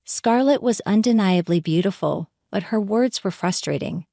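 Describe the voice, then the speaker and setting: A woman narrating a first-person family drama story in an expressive, lively manner. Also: mid-range voice, moderate pace, vocal fry, no room sound, studio quality.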